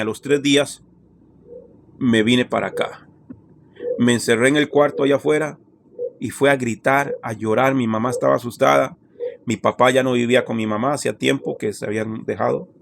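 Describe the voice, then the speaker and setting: Gravelly pastor preaching. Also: male voice, medium pitch, a little hiss or hum. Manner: emotional storytelling, often addressing listeners as brother. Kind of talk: sermon testimony.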